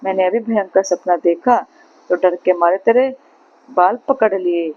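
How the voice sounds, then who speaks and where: A woman voicing a gentle but sly old foster mother in a storybook tale, speaking in a coaxing, soothing way, on a slightly muffled recording. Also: medium pitch, unhurried, no echo, lightly acted.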